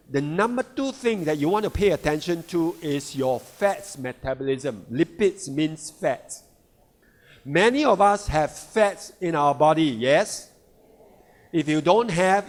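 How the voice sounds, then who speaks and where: Slow, emphatic male product presenter, slightly high voice, keeps checking in with the room, long hall reverb. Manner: emphatic, with frequent checking "all right?" and "right?" asides; repeats and rephrases key words. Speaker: sales leader presenting products. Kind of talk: product seminar talk to a live audience.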